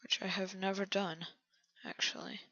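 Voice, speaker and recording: A man quietly commenting on his own game build, often half-whispering to himself. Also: sits high, flat delivery, normal speed, dry recording, highs cut off. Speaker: channel host building in a video game.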